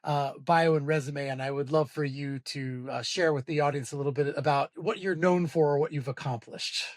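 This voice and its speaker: A man, a lawyer hosting a podcast, asking questions in a polite, measured way with frequent fillers. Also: fairly high pitch, steady tone, no echo. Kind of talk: interview hosting.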